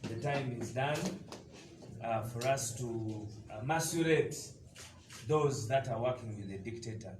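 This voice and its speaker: A man of medium pitch speaks at a measured pace, recorded from a distance in a noisy, echoey room. He is a deputy party spokesperson from eastern Uganda with a Ugandan accent, delivering an emphatic, combative press conference statement full of hesitations.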